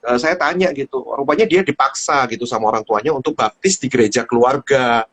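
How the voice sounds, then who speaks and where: A man hosting a casual livestream chat, telling a story with animated delivery and lots of fillers. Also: mid-range voice, brisk, husky. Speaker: host. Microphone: livestream phone.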